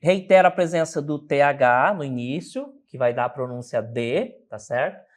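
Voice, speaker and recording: A man's voice: medium pitch, animated, normal speed. A Brazilian man teaching an English lesson. He explains step by step and keeps checking in with short tag questions. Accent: Brazilian Portuguese.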